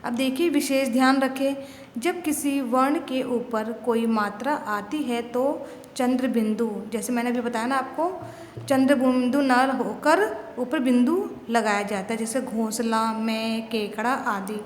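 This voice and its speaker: A woman teaches a grammar lesson in a high voice, asking the class questions and then answering them herself. The room is echoey with a long ringing tail. A faint hiss sits under her voice. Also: a little slow. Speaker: school teacher.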